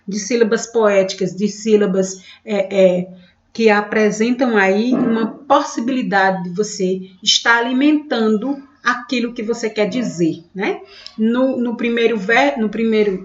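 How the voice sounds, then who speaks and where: A woman teaching a literature lesson, explaining and pointing things out with frequent tag questions. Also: a little high. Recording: echoey room, dull lo-fi sound.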